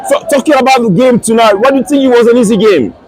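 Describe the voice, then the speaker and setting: A man conducting casual street interviews with football fans, putting questions in a halting way. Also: very high-pitched, rough recording.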